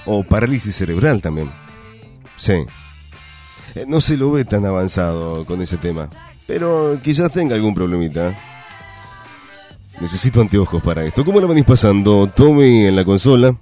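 A man's voice: lowish voice, big pitch swings, normal speed, pauses often, dark tone, faint music behind. A man with an Argentine Rioplatense accent hosting a radio show, chatting casually and joking with his producer. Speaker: radio host. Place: radio studio.

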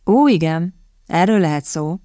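A woman voicing a mocking aristocratic gentleman with a dry, sardonic manner, in a low voice. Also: expressive, dry recording, lightly acted.

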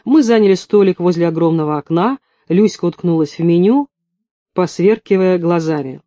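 A man reading a novel aloud in steady scripted narration. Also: high-pitched, normal speed, dry recording. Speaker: audiobook reader.

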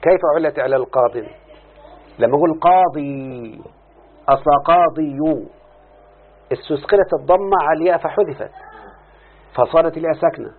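Speaking fast in a voice on the high side, a man with an Egyptian Arabic accent teaches grammar. He draws out key words and keeps repeating questions to have his students confirm each step. The recording sounds lo-fi, like a phone.

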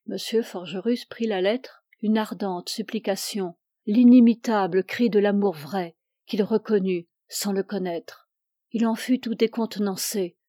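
A woman reading a literary novel aloud, with measured, expressive narration close to the mic. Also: mid-range voice, no room sound. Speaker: audiobook reader.

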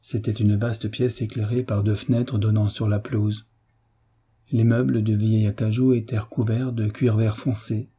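A man reading a novel aloud in steady audiobook narration. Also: on the low side, normal speed, husky.

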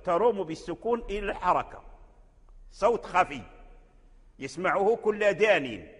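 A Moroccan man gives a lecture on Quranic readings, going back over each point patiently and stopping to chant verses slowly. His voice sits a little high for a man. The room rings with a long, echoing reverb. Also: a bit bright, husky. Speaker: Quran recitation teacher.

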